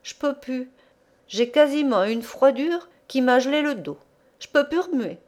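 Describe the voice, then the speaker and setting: Woman doing a whiny old farmer guy, groans and wails, lively up and down. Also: high-pitched, unhurried, pitched above the performer's own voice. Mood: whining. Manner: moaning, whining in rustic dialect. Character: old deaf peasant man, sly and stubborn.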